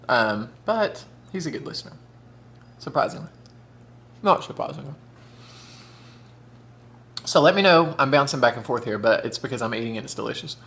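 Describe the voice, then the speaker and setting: A camp, chatty mukbang vlogger in his thirties chats casually while eating, often with his mouth full, tossing out "y'all" and "honey." His medium-pitched, slightly bright voice has vocal fry, moving at normal speed with frequent pauses.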